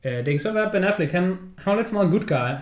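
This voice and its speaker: A lively man with a somewhat high voice talks movies in a casual podcast chat, cursing often and slipping into quoted voices to replay scenes. The sound carries a roomy echo around him. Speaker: podcast co-host. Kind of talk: casual film discussion.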